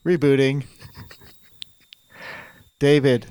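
A man's voice: medium pitch, very slow, smooth, dry recording. A man playing a glitching robot that keeps rebooting and speaks in stiff, formal phrases that repeat. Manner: flat formal robot speech, repeats itself when glitching. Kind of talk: improvised comedy sketch.

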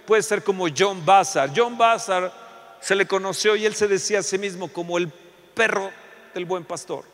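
A man preaching a passionate sermon, swinging between loud outbursts and hushed storytelling. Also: high-pitched, in a large hall.

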